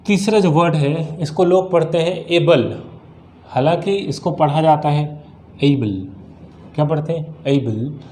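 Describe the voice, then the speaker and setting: A man's voice: a little high, a little mellow. A man with an Indian accent teaching English vocabulary in a patient, repetitive way and asking himself questions. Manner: explains patiently, repeats words and asks rhetorical questions; slows down sharply to read English example sentences. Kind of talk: spoken English vocabulary lesson.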